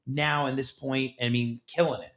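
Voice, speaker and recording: A man hosting a studio interview, asking his guests questions in an animated, eager way. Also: medium pitch, normal speed. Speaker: podcast host.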